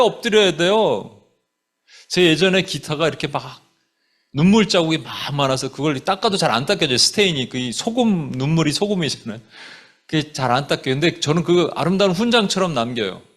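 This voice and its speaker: A man preaching a sermon as a pastor, animated, dropping English phrases into his talk. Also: fairly high pitch, brisk. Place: church sanctuary.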